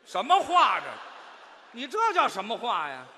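A man as the supporting crosstalk partner, interjecting with short quick retorts. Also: extremely high pitch, wildly swooping pitch, pushed and bright, slight background noise. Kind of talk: Chinese crosstalk performance.

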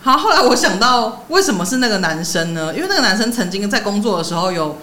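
A young woman co-hosting a podcast, telling a story in an animated way and laughing often. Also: medium pitch, fast. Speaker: podcast co-host. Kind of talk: casual chat.

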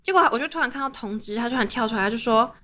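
A young woman with a Taiwanese Mandarin accent, hosting a podcast and telling a story in an animated, chatty way. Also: a little high, very fast. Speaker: podcast host. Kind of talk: casual storytelling chat.

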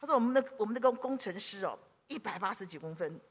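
A woman preaching a lively sermon, exclaiming and asking the congregation questions, swinging from loud declarations to hushed asides. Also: mid-range voice, quick pace, husky.

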